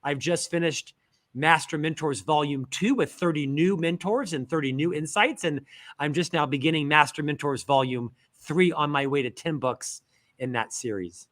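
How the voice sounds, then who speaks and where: A middle-aged man from Central Florida, an author and podcast host, appears as a guest in a casual interview, telling lively stories with self-deprecating humor. He has a stutter and speaks at a moderate pace in a fairly high pitch.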